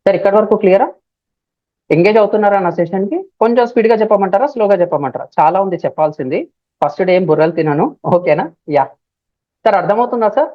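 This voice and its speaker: A woman with a Telugu accent teaching a live online class, speaking loudly and repeating key phrases, sometimes spelling words out letter by letter. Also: mid-range voice, fast, no room sound. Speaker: digital marketing trainer. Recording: dull, dry lo-fi stream audio.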